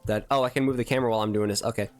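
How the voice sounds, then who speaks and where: A man streaming a video game, talking casually and excitedly, swearing and saying bro. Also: fairly low pitch, racing, faint music behind. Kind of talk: casual gaming commentary.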